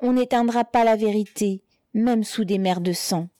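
A woman reading a story, voicing an aging mother who cries out defiantly at gendarmes in a hoarse, strained voice. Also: medium pitch, moderate pace, warm tone, no echo, pitched above the performer's own voice, close to an everyday voice.

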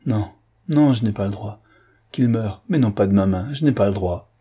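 A man reading a hushed, troubled young captain. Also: on the low side, moderate pace, slightly rough. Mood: anguished. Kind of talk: audiobook character reading.

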